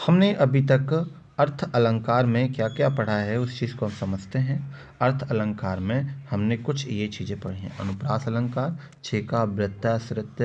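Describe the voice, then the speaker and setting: A male teacher explaining grammar at an unhurried, deliberate pace, drawing out each verse example. The sound is muffled and lo-fi, with a faint hiss of noise behind him. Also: on the low side, a little mellow. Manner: explains slowly, quotes verse examples in a drawn-out recital; repeats key terms, asks and answers his own questions. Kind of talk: classroom-style lesson.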